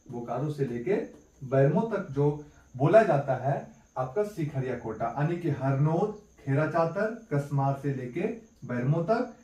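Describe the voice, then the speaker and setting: A man's voice: a little high, animated, unhurried, dark tone. Man teaching in an echoey room. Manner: repeats key points as questions and answers them. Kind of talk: exam-prep lesson. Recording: echoey room, mic at a distance.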